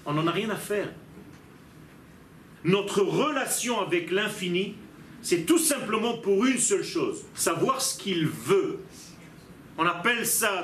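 A man's voice: high-pitched, fairly bright tone, a little hiss or hum. A man teaching a religious lesson as a rabbi, emphatic and posing rhetorical questions to his listeners. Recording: echoey room.

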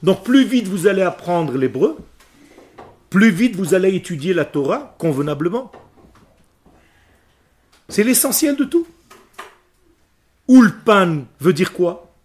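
An Israeli Hebrew and Torah teacher, a native Hebrew speaker, addresses his class emphatically, asking questions and going through the text word by word. His high voice swings widely in pitch and is a bit mellow, and he speaks slowly with long pauses.

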